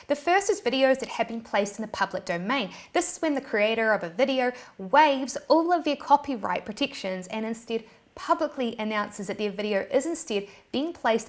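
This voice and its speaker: A young woman with a New Zealand accent hosting an online tutorial in a cheerful, scripted way, throwing in little cheers. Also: a little high. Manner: cheerful, bursts of "yay" and "woohoo".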